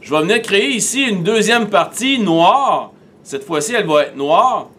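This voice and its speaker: A man with a Québécois accent, teaching a software tutorial and talking methodically through each step on screen. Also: high voice, expressive, normal speed, a little hiss or hum.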